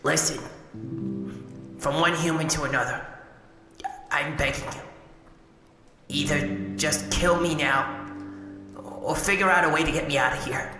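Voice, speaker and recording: A woman's voice: low voice, fairly even intonation, a little slow, long pauses. A woman playing a battered old female pleasure robot in a video game, crass, jaded and needy, talking in slangy, stammering wisecracks. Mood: pleading. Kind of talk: video game character acting. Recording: echoey hall reverb with music behind. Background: music.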